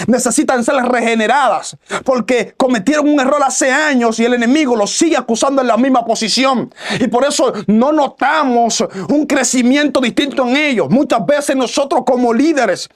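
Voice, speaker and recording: A man's voice: very high-pitched, normal speed. A man from the Republic, preaching a radio sermon emphatically and repeating phrases in building lists. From Dominican Republic. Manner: raises his voice to a near shout at peaks.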